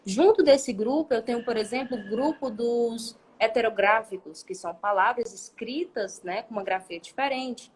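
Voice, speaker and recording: A woman Spanish teacher with a fairly high voice explains material in a live online class at a moderate pace with few pauses. Patient and talkative, she thinks aloud with restarts and often ends her sentences with a questioning "né?"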